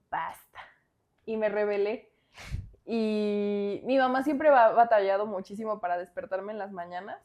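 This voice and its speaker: A young woman with a Mexican accent telling a personal story on a podcast in a chatty, animated way, full of fillers. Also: mid-range voice, dull audio. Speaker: podcast co-host. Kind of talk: casual storytelling.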